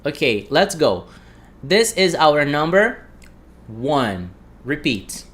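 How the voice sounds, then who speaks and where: Brazilian guy teaching english on a livestream, takes it slow, says each phrase twice so the class can repeat. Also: fairly high pitch, big pitch swings, a bit bright. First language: Portuguese. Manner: repeats phrases slowly for students to echo.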